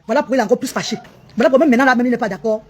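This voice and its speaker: A woman, vlogging on social media in a defiant, indignant way. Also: fairly high pitch. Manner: rapid-fire, defiant, indignant.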